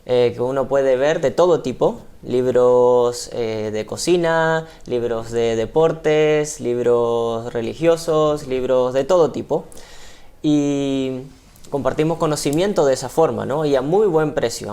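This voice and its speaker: On TV, a man from a ship's crew talks at length with an Argentine Spanish accent, explaining hesitantly and leaning on frequent fillers. His mid-range voice is warm and measured in pace.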